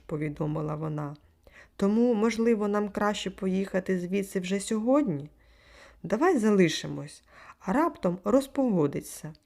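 Gravelly low-voiced woman narrating a story. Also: darkish tone. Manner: acts out the dialogue, raising pitch for quoted lines. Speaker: audiobook narrator. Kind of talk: literary audiobook narration.

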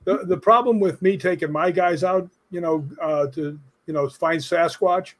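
A man's voice: high voice, normal speed. An older man, a guest on a video call, telling joking stories with chuckles. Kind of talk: casual video-call interview.

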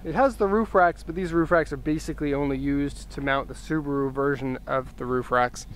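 A man with a slightly higher than usual voice strolls around a car outdoors and talks it through in a loose, unscripted way, pausing with fillers as he thinks. Faint street ambience sits behind him on a handheld camera mic. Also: fairly even intonation, slight background noise. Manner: easygoing, thinks aloud with fillers and restarts. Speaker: car importer reviewing an auction car. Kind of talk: casual walkaround car review. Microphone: handheld camera mic, filming himself off-camera.

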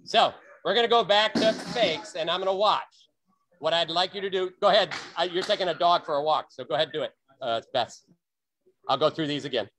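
A man coaching a virtual sword-fighting practice on a video call, explaining and demonstrating with sharp bursts of breath. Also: a little high, a little fast.

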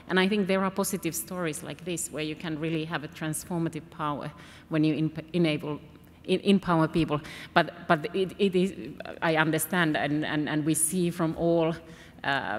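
A woman from Finland answering a question on a conference panel, earnest and often repeating words as she thinks, speaking into a table microphone in a large hall. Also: low voice. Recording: reverberant hall, faint ambience.

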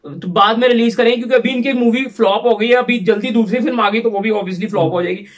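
A man's voice: very high voice, fast talker, dull audio. A man from Pakistan hosting a reaction channel, chatting casually and rambling as he drops English phrases into his talk. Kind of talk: casual chat reacting to a film trailer.

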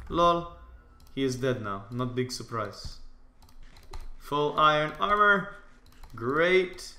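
Bright-voiced excitable young man gaming. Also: medium pitch, echoey room. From Canada. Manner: excitable, jokey, bursts into loud shouts. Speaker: gaming YouTuber. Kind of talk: casual gameplay commentary.

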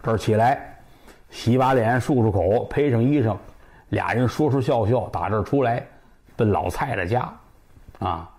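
A man's voice: moderate pace, a little mellow. A middle-aged man from northern China telling a traditional comic story, jumping between character voices. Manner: voices several characters, shifting pitch up for women and shopkeepers.

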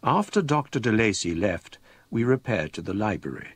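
An actor playing an older, scholarly English gentleman who narrates a ghost story in a measured, formal, literary manner for a radio drama. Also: lowish voice, big pitch swings, husky, no echo. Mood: grave, reflective.

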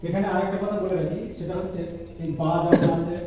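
A man teaching Arabic letter pronunciation in a spoken lesson, patient and slow, repeating the letter sounds to drill them. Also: high-pitched, steady tone, crowd noise. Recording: echoey room, voice from far off the mic.

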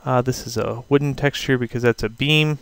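A man teaching a software tutorial over a screen recording, talking casually and thinking aloud with fillers. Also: mid-range voice, steady tone, fairly quick, creaky, clean tone, dry recording. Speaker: instructor.

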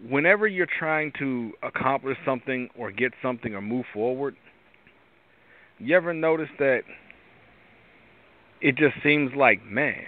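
A tired male host with a raspy voice, giving a rambling devotional talk with many restarts. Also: medium pitch, a little slow, pauses often. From Pittsburgh area. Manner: rambling, restarts often, preachy asides. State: tired from lack of sleep. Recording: tinny phone-line sound.

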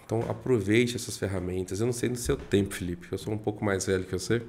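A man's voice: fairly low pitch, steady tone, darkish tone, slight background noise. A man from Minas Gerais with a mineiro accent, a real estate broker chatting unhurriedly as a podcast guest, dropping in many tag questions. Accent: Minas Gerais Brazilian Portuguese. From Minas Gerais, Brazil. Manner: speaks somewhat slowly, with frequent fillers and rhetorical tags. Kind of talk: casual podcast chat.

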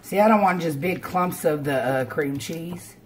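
In a casual cooking vlog, a woman with a low, unhurried voice explains each step informally. She's recorded at home in her kitchen by a camera on the counter or at arm's length, with frying and clattering dishes clearly audible.

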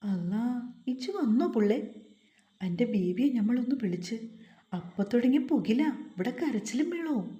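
A woman's voice: fairly high pitch, animated, moderate pace, dark tone, lightly acted. A woman voicing a fussing middle-aged woman with a Malabar dialect; roomy echo. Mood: worried. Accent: Malabar Malayalam dialect.

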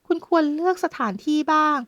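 A woman's voice: high voice, fairly even intonation, a bit bright, dry recording, dull audio, voice pushed up. A woman reading an audiobook, voicing a proud, fiery young woman who scolds indignantly. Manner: indignant, scolding, quick to anger.

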